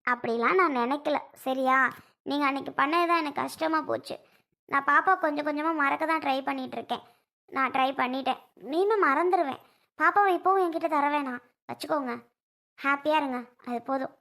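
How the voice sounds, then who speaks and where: High-voiced woman acting emotional family drama. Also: fairly quick, vocal fry, sharp tone. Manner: emotional, pleading, tearful.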